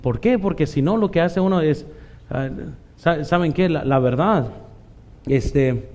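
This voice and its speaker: A man's voice: fairly high pitch, a little slow, a little mellow. A middle-aged man with a Mexican Spanish accent preaching a conversational sermon as pastor, often tossing in "¿verdad?" asides and acting out the voices he quotes.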